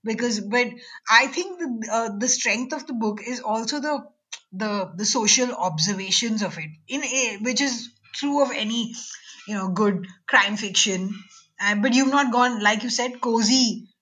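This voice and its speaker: A woman hosts a casual book interview in a bright, forward voice that sits slightly high. She talks informally and haltingly, rewording her questions as she goes. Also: breathy edge, low-quality recording.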